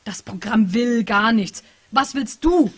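A woman reading the part of a stressed young female programmer, loud and exasperated, swearing as she talks. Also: high voice, rapid-fire, slightly rough, dry recording, pitched above the performer's own voice. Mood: furious. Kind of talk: author reading a novel aloud.

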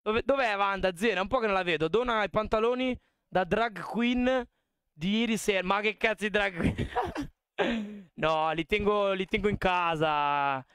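A man's voice: sits high, normal speed, a bit bright, smooth, dry recording, clean studio sound. A young man chatting casually with his live-stream audience at a desk mic, chatty and swearing freely. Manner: chatty, swears a lot, talks to chat.

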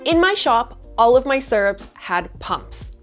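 Woman in her thirties, higher voice, cheerful recipe host, lapel mic, soft music underneath. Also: sing-song, a little slow. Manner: bright, upbeat step-by-step explaining. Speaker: bubble tea recipe host. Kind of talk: scripted cooking tutorial. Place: indoor studio kitchen set. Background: soft background music.

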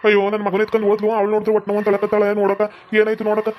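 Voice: mid-range voice, monotone, rapid-fire, muffled recording, close to an everyday voice. Voice actor doing a fretful village uncle. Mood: fretting. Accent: North Karnataka Kannada. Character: middle-aged village man, worried uncle.

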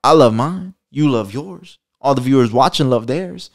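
A man's voice: mid-range voice, animated, normal speed. A man hosting a casual commentary show, talking in loose, slangy, profane bursts and laughing often. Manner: loose, rambling delivery with restarts. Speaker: commentary channel host.

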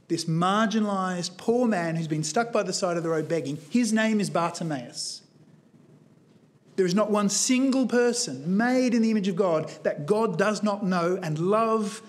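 A man with a high voice delivers a sermon in a church. He speaks earnestly and with emphasis. He retells a story with a shifting pace. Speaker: guest preacher.

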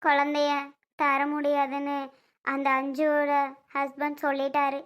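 A woman's voice: high-pitched, monotone, a little slow, lo-fi sound. A woman voicing a heartbroken young woman who talks in a weepy, pleading, self-pitying way. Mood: tearful.

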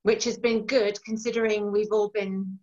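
Speaking over dull, lo-fi video call audio, a woman in her forties with a blend of Yorkshire and Irish accents is interviewed as an author in a relaxed chat. She's from East Yorkshire, England, and sits in a home room full of bookshelves. Her mid-range voice is level, a little mellow, at normal speed, and she laughs easily and sounds enthusiastic.

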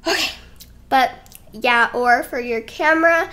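Young woman, high voice, bright tone, chatty, rambling, slightly breathless, home vlog. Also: unhurried. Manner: chatty and rambling, giggly, self-conscious. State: a little out of breath. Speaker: YouTuber. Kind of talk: casual sit-down vlog talk. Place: home, indoors. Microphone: desk microphone.

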